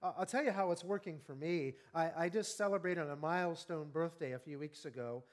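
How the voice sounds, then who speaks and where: Speaking at a fairly high pitch, this pastor in his fifties preaches an evening sermon with earnest, conversational warmth. He frequently asks the congregation questions and lingers slowly over important words.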